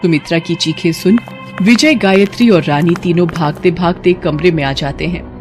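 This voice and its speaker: Narrator: woman telling a cartoon story, mid pitch, steady. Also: normal speed, soft background music.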